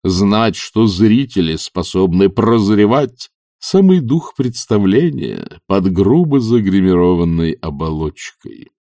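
A man voicing a grandiose male stage actor who speaks in slow, flowery, theatrical phrases. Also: fairly low pitch, sing-song, warm tone, no echo, studio quality, full character voice. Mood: gallant. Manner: flowery, drawn-out theatrical speech.

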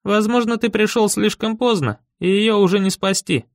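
A man reading an audiobook and voicing an eerie young boy carrying a knife, in a calm, ominous way. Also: sits high, moderate pace, dry recording, studio quality, pitched above the performer's own voice, lightly acted. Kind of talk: audiobook character voice.

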